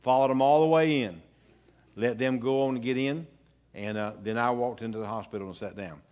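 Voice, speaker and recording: An older man, a pastor telling a family story in a folksy, unhurried way with pauses and restarts. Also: mid-range voice, a little mellow, smooth. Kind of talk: storytelling sermon. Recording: long church hall reverb.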